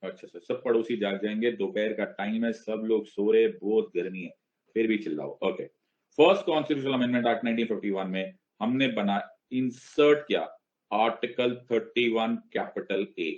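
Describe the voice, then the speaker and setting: A man's voice: lowish voice, a little mellow. Guy teaching an online class, keeps asking everyone if they get it, mixes hindi and english, kinda muffled audio. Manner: mixes Hindi and English, drills the class with repeated questions, playful asides; slows right down and stresses each word when reading legal text. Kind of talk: online exam-prep lecture.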